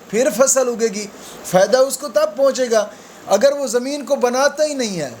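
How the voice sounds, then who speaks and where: A man's voice: a little mellow, a little hiss or hum. A man giving a conversational religious talk to viewers, calling them friends and explaining with everyday examples. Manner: slow, low Arabic recitation at the opening. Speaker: spiritual advice presenter.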